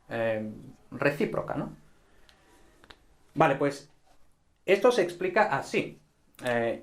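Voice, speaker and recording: A man teaching a grammar lesson at a board, relaxed and checking in often with his listeners. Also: fairly high pitch. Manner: relaxed, frequent "¿vale?" and "¿no?" check-ins.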